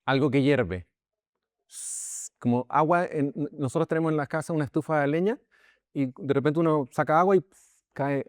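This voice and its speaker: This Chilean-accented pastor gives a casual Bible lesson, regularly checking in with listeners and restarting his sentences, with many repeated words. His fairly high voice moves at normal speed and pauses often, in a clean studio recording with no echo.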